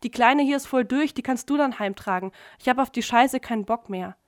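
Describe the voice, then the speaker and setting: A woman reading aloud, voicing a drunk young man who shouts in exasperation. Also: fairly high pitch, fairly quick, no echo, clean studio sound, lightly acted. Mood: angry, loud. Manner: loud, exasperated.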